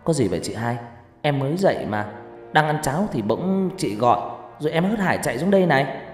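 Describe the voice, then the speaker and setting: A man's voice: fairly high pitch, very animated, darkish tone, roomy sound, big-room sound, faint music behind, voice pushed up. A man voicing a frightened young boy who stammers and pleads his innocence. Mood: pleading, defensive. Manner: stammering, pleading, quick and defensive. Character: frightened defensive boy Nam.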